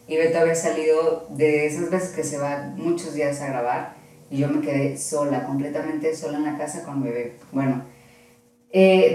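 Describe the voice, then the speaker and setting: A woman with a Mexican accent, a guest telling a personal story casually and in a rambling, animated way. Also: low voice. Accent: Mexican Spanish. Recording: echoey room, far from the mic.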